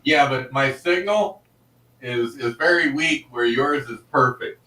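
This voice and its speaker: A middle-aged man in casual chat on a live stream, talking loudly and joking about himself. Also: mid-range voice, a little slow. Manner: loud, joking, self-deprecating.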